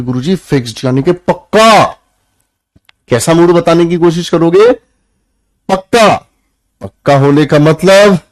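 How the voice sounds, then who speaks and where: Speaking Hindi, a young Indian man runs an online English grammar lecture, quizzing his pupils and calling them "beta" in a firm, preachy manner. The voice is fairly high-pitched with a darkish tone, and there's no echo.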